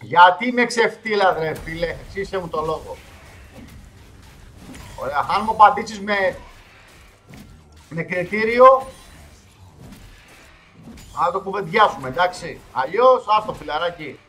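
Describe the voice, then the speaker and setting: A man streaming a game live, commenting casually as he plays and swinging from loud outbursts to low mutters. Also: animated, long pauses.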